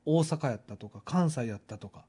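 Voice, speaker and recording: A man's voice: medium pitch, lively intonation, fairly quick, mellow, slightly rough. A man with a Kansai accent, co-hosting a podcast in easygoing casual chat. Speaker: podcast co-host.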